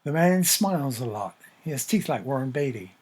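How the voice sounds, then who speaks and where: A male narrator reads a scripted story at a measured, descriptive pace. His voice is husky, with a slightly rough grain. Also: medium pitch, animated, a little mellow.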